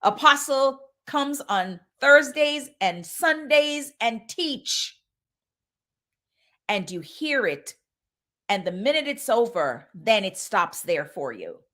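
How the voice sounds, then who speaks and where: A woman's voice: a little high, a bit bright. A woman in her fifties giving an urgent motivational sermon as a minister, repeating phrases for emphasis. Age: 50s.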